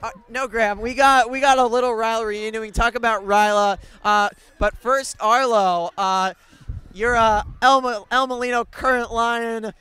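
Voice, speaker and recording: Bright high-voiced male game-night broadcaster. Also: steady tone, normal speed, smooth. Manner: chatty, upbeat, banters with guests on set. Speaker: student sports broadcaster. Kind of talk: live sports broadcast commentary. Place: broadcast set at an outdoor school stadium. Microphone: handheld broadcast mic.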